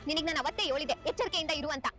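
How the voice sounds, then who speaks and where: A young actress in a TV serial playing a sensible college friend who scolds but cares. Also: female voice, high-pitched, expressive, fast. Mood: scolding, caring. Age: young adult. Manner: scolding yet caring. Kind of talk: TV serial acting. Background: background music score.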